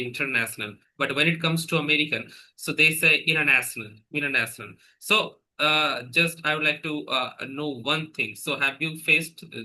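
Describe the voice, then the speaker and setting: A man with an Indian accent talks through ideas in a very bright, sharp voice, checking in with "right?" as he goes. He is an English trainer in a relaxed podcast conversation. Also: mid-range voice, rough recording. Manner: chatty, explains with examples and frequent "right?" tags.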